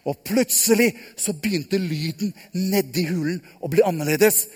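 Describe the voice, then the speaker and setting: A man telling a Bible story live to children, lively and asking them questions. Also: high-pitched, breathy edge. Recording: long hall reverb.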